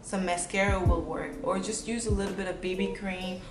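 A woman's voice: mid-range voice, fairly even intonation, fairly quick. A young woman in her twenties chatting casually to camera as a modeling vlogger, playful and bubbly with jokey asides. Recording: echoey room with music playing. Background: music.

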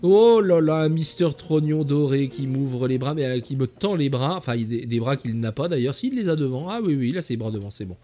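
A man's voice: medium pitch, expressive, a little fast, few pauses, dark tone. A man hosting a video game tour, chatting enthusiastically and calling his viewers "the kids" as he walks through a player's build. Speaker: host of a game channel.

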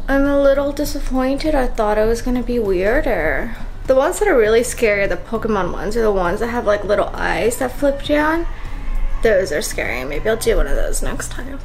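A woman's voice: a little high, animated, moderate pace, creaky, faint music behind, poor audio. A woman vlogger chatting casually and upbeat while wearing a sheet face mask, with a lot of "like" in her talk. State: talking through a sheet mask. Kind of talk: casual vlog chat.

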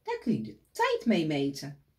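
A woman's voice: sits low, huge pitch swings, normal speed, voice pushed down. A woman voicing a patient storybook crocodile. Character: calm explaining crocodile friend. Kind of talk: picture book read aloud.

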